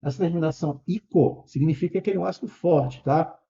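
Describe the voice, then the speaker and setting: High-voiced man teaching patiently. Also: fast, warm tone. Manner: patient, checks in often with tag questions, corrects himself aloud. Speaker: chemistry teacher. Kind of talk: explanatory online lesson. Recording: dull lo-fi recording.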